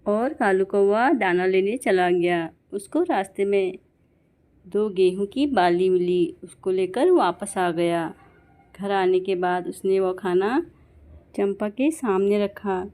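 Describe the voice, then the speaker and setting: A woman narrating a cartoon story in plain, steady storybook style. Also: mid-range voice, takes it slowly.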